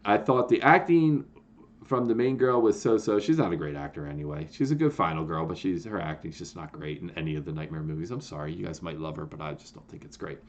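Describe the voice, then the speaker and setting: A man casually chatting to his viewers, rambling and excitable, full of fillers and restarts. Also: low voice, fast talker, highs cut off. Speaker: YouTube host ranking horror films. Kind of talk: casual chat to camera.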